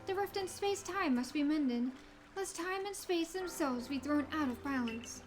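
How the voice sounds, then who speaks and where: Girl reading as mysterious wise game lady, formal old-timey grave talk, high voice. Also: expressive, normal speed, faint music behind. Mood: grave, instructive. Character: stately, cryptic female sage from a fantasy game. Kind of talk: reading game dialogue in character.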